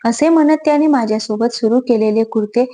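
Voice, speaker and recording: A woman reads a heartfelt story aloud in the first person, steady and earnest. Her voice sits a little high. It has a mellow, warm tone. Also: a little fast. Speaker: storyteller, channel host. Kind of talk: scripted first-person narration of an emotional story.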